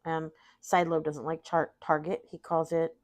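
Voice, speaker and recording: Playing solitaire on stream, a middle-aged woman talks to her chat about her day, sniffly and worn out from vaccines. Her low voice has little pitch movement and a normal speed, with slight background noise, and her talk rambles with self-deprecating asides.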